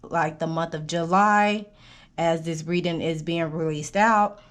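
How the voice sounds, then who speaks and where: A woman with a lowish voice talks slowly through a tarot reading. She meanders with fillers and restarts, stops to cough as she gets over an illness, and keeps checking in with her listeners. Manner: coaching, keeps asking "okay?". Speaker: tarot reader. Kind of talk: casual spoken tarot reading.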